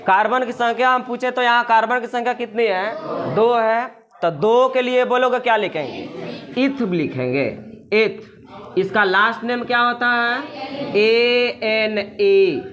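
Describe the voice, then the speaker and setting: A man's voice: extremely high pitch, lively intonation, a little slow, dull audio, crowd noise. A man. He keeps asking the class questions, answers them himself, and repeats the key terms. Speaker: science tutor. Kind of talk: classroom chemistry lesson.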